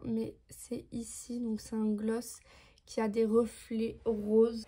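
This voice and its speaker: A woman's voice: fairly high pitch, mellow. A nineteen-year-old woman chatting through a beauty haul video, explaining each product with lots of fillers. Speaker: beauty vlogger.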